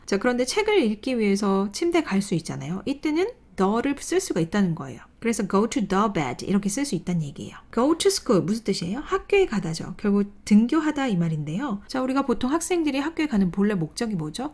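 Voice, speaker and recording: Animated woman teaching grammar. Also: mid-range voice. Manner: explains step by step, asks and answers her own questions; reads English example sentences slowly. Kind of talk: online grammar lecture.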